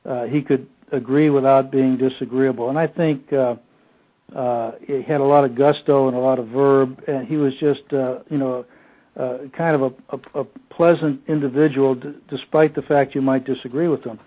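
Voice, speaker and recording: A man's voice: medium pitch, steady tone, moderate pace. A man giving an oral history interview, speaking with many fillers and restarts. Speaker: interview guest. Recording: dull, muffled lo-fi audio.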